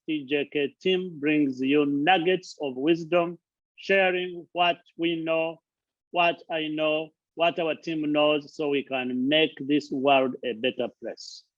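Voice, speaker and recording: Recorded indoors at a friend's house, this Ugandan charity founder and channel host speaks in a voice on the high side. He offers an earnest motivational talk full of lists and repeated words, and the sound is lo-fi with no room sound.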